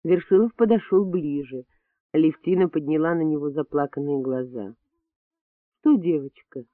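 A man narrating an audiobook in a measured, expressive reading. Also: a little high, dry recording. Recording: dry, tinny phone-like sound.

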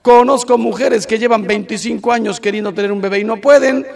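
A middle-aged man with a Mexican accent, a priest giving a lively talk to young people, emphatic and ironic, his voice jumping suddenly in pitch and loudness, with quick anecdotes and sarcastic asides. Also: creaky.

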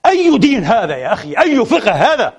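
A man preaching an impassioned sermon, addressing his listeners as brothers and swinging between soft and loud delivery, saddened and frustrated. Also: very high-pitched, huge pitch swings, fast talker, husky. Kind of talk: Friday sermon.

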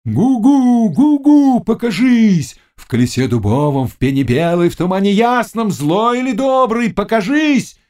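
A man voicing a fierce, mocking young witch and fortune-teller in an audiobook, chanting incantations in a high, loud voice. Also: big pitch swings, slow, pauses often. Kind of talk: audiobook character reading.

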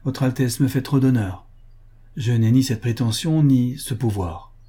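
A man reading the part of a grave young countess in an audiobook, speaking calmly and evenly. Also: medium pitch, breathy edge. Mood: composed. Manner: calm, measured speech.

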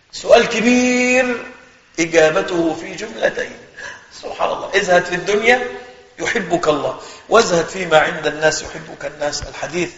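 A man with an Egyptian accent, a sheikh giving a religious lesson in conversational, animated speech that speaks straight to his listeners. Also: fairly high pitch. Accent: Egyptian Arabic. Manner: conversational, animated storytelling, addresses listeners directly. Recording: echoey hall, slightly muffled.

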